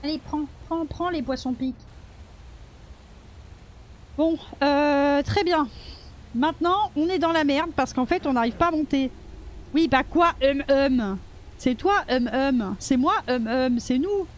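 A woman streamer gives loose, playful commentary as she plays, bantering with the game characters and swearing freely. Her voice sits high, and she talks at a slow, drawn-out pace. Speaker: gaming streamer. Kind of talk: casual let's-play commentary.

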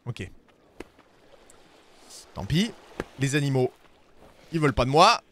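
A man streaming a video game, chatting casually with viewers and swearing, with bursts of shouting at the animals in the game. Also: medium pitch, big pitch swings, takes it slowly. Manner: talks to his chat viewers. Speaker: streamer playing a climbing game. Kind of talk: casual gameplay commentary.

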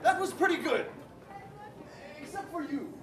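A woman playing a bossy, playful pirate captain on stage, booming and teasing the audience in a live show. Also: animated, a little slow, a loud crowd, very noisy. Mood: drilling recruits. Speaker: stage actor. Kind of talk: live interactive theatre. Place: indoor theatre, live audience. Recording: echoey hall from far off with audience.

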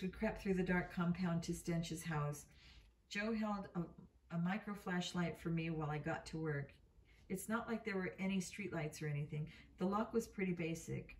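A woman's voice: fairly low pitch, a little hiss or hum. A woman reading a novel aloud in an unpolished way, with slips and self-corrections. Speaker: reader. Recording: roomy, mic at a distance.

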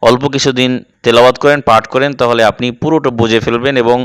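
A man teaching Quran recitation, explaining heavy letter sounds slowly and deliberately and repeating each sound to demonstrate it. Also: medium pitch, fairly even intonation, a bit bright, smooth, no room sound. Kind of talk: instructional explanation.

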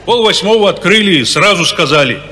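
An actor on a comedy stage playing a frazzled patient who shouts his words in exasperation. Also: high voice, animated, fairly quick, big-room sound, very noisy. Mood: exasperated.

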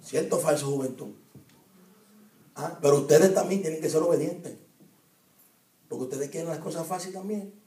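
A man's voice: on the high side, moderate pace, pauses often, warm tone. A man preaching a sermon to a youth conference, driving his points home with rhetorical questions to the crowd. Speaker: evangelist preacher. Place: church hall at a youth conference. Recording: roomy, distant church hall recording.

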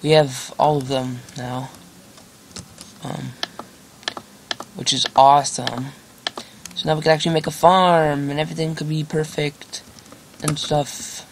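A young male gaming channel host with a fairly high, level voice takes his time, pausing often and showing vocal fry. His gameplay commentary is casual and rambling, with self-directed jokes and lots of fillers, over the keyboard clicks and typing of a noisy home recording.

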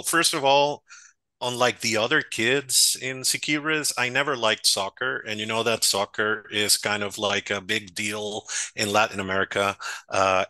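A man's voice: lowish voice, no echo. A man from Costa Rica with a Costa Rican accent, a guest writer telling stories of his childhood on a video call through a headset. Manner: warm storytelling, self-amused, gestures while talking. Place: home room, video call.

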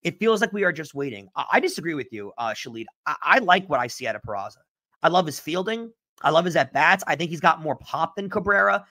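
A young man hosts a solo sports podcast, answering listener questions animatedly and emphatically, repeating his points. His voice is on the high side and he talks fast.

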